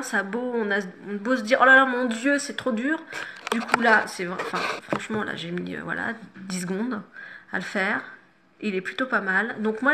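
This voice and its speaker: A woman's voice: on the high side, a bit bright. A middle-aged woman talking viewers through a makeup tutorial, chatty and instructive, with self-mocking asides. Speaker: makeup vlogger.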